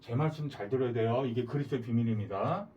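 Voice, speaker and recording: A man's voice: mid-range voice, fast, warm tone, recorded from a distance, muffled recording, a little hiss or hum. A man preaching a sermon, emphatic and full of rhetorical questions to the congregation.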